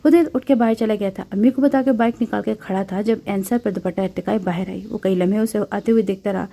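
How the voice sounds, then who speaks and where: A woman narrating a romance novel in a calm, even storytelling manner. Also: mid-range voice, gravelly. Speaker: audiobook narrator.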